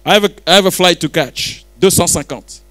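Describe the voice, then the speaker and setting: A man's voice: sits high, moderate pace, bright, forceful tone. A man running a live auction at a book launch, calling and repeating bids while teasing the crowd. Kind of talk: joking live auction patter.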